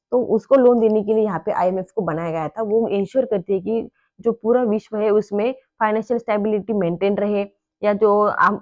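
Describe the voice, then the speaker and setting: A woman's voice: medium pitch, phone-quality sound. A woman explaining an exam-prep lesson in a conversational way, often asking her students if they follow. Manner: conversational, asks checking questions.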